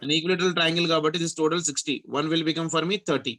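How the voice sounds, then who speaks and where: Fast-talking Telugu Indian male physics tutor. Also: a little high, fairly even intonation, bright, forceful tone. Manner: frequent checking questions and tag questions. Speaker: physics teacher. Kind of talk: interactive tutoring, working through a problem aloud.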